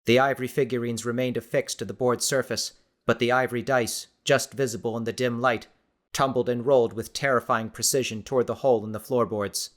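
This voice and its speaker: Man narrating a tense audiobook. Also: medium pitch. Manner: steady, measured storytelling. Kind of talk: scripted narration.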